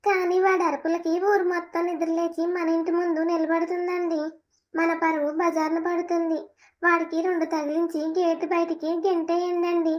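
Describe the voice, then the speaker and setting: Pallavi is a frightened young wife in a cartoon family drama, voiced by a woman. She begs tearfully in a very high, thin voice, and the delivery stays flat and monotone. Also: normal speed. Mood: urgent. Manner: tearful pleading.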